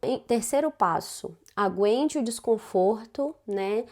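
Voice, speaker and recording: This woman's voice sits a little high and is slightly mellow, animated, and slow-paced. With a Brazilian Portuguese accent, she shares casual self-development advice in a conversational way, often adding tag questions.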